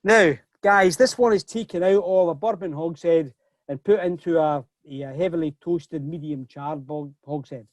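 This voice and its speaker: A man's voice: on the high side, normal speed, no room sound, clean studio sound. A middle-aged man hosting a whisky tasting over a video call, chatty and often repeating words as he starts a sentence. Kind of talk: casual online tasting talk.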